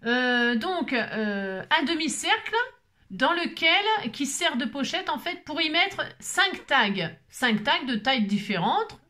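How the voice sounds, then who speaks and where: A middle-aged woman hosts a crafting vlog, chatting away casually. Her voice sits a bit high for a woman, and she tells her stories with lively, animated energy and plenty of fillers. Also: slow. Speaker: crafting channel host.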